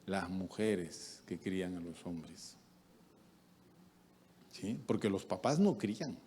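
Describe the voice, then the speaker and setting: A middle-aged man, a pastor delivering a sermon who acts out the voices he quotes. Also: slight background noise. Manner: lively, acts out quoted voices with big pitch jumps.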